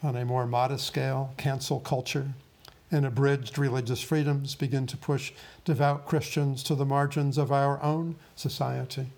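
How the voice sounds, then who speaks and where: A man preaching a sermon in a solemn, deliberate way, with grave pauses. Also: medium pitch, flat delivery, gravelly, darkish tone.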